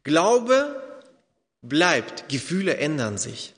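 High-pitched guy preaching, hits key words hard, big echoey church hall. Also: sing-song, extremely slow, a bit bright. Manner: emphatic, repeats key words, acts out quoted doubts. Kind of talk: sermon. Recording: long hall reverb.

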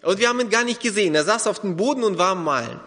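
A man with a high voice preaches a sermon in a church hall. He stresses and repeats key words and acts out the doubts of his listeners. A long reverb trails after his words. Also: lively intonation, racing, a bit bright.

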